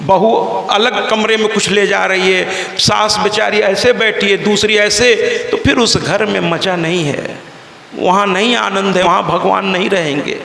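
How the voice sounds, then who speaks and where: A high-pitched man with a gravelly, bright edge tells a devotional scripture story. He voices the people in his tales with lively changes. His voice rings through a large hall with a long, echoing reverb. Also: unhurried. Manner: animated, acts out the voices of people in his stories. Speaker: religious storyteller.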